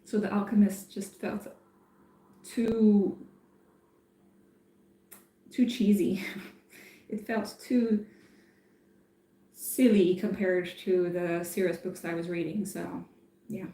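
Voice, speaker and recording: A woman who grew up in France, chatting casually on a live stream and thinking aloud with many pauses and fillers. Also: medium pitch, flat delivery, warm tone. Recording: echoey room.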